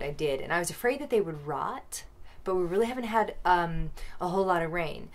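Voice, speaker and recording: Woman, 30s, casual vlogger, lowish pitch, chatty and playful, recorded outdoors close to camera. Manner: chatty, playful, quick asides. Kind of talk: casual chat. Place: outdoors by rabbit hutches in a yard.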